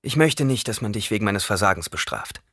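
An earnest young nobleman speaks in a quiet, measured way, as a male narrator voices him. The tone is husky and bright, with a lively pitch. The sound is dry and close. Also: no echo.

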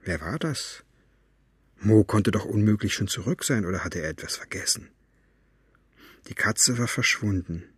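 A man narrating an audiobook with a measured storytelling delivery. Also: lowish voice, lively intonation, fairly bright tone, husky, no echo, clean studio sound. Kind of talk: scripted narration.

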